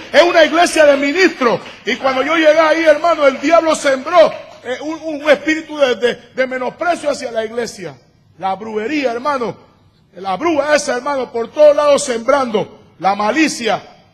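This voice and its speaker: A man with a very high-pitched voice preaches a sermon as a pastor. He moves from calm explanation into shouted, emphatic declarations. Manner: preaching, rising to shouts at times.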